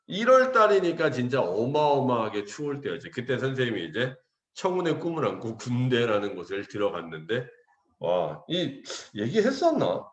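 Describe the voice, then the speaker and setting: A man in his forties, an English teacher, casually telling a story to his students in an animated, joking way and acting out the voices he quotes. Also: medium pitch, reverberant, lo-fi sound.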